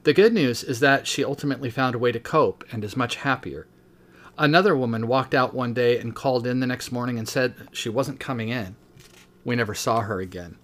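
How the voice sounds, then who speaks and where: A man's voice: medium pitch, fairly quick, a bit bright. Man, 50s, teacher and podcast host, reading his own book aloud with brief asides, mid-range voice.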